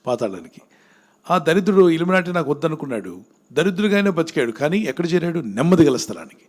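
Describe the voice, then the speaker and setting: A man preaching a sermon, often stopping to ask his listeners questions and urging them to answer louder. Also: fairly high pitch, very animated, fast. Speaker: pastor. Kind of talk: sermon with call-and-response questions to the congregation.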